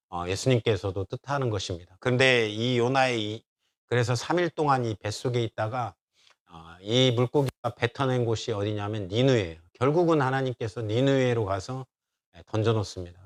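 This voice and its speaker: A man preaching as a church pastor, retelling a story in a conversational way and acting out the quoted voices. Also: mid-range voice. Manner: conversational with fillers. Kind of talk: sermon.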